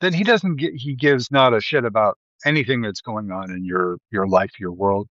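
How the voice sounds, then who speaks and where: On a live stream mic, an Ohio host with a Midwestern accent talks through a live video in a digressive way, heavy on fillers and restarts. He speaks at normal speed in a lowish, fairly bright voice. The audio has no echo and a lo-fi quality.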